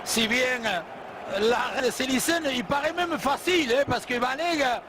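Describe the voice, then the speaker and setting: Extremely high-pitched, emphatic male football analyst. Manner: emphatic, repeats and rephrases points, halting hesitations. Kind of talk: animated sports commentary, analysing plays. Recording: clear background noise.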